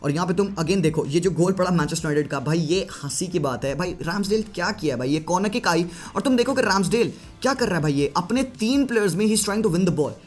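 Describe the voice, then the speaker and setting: A man giving a casual, lively tactical breakdown of a football match, chatting to viewers and mixing in English phrases. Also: high voice, fast talker, few pauses, faint music behind. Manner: lively Hinglish commentary, mixing Hindi and English; chatty, addresses viewers as bhai. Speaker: football analyst.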